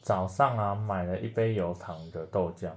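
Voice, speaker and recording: A man co-hosting a podcast, telling short jokes in a dry, low-key way. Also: steady tone, normal speed, a little mellow. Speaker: podcast co-host.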